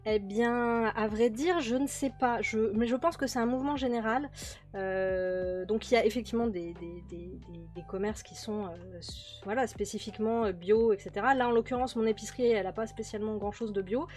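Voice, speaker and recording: Speaking a little fast in a fairly high, slightly mellow voice, a woman provides casual commentary as she plays a management game. She talks a lot, with many fillers and repeats, over quiet background music.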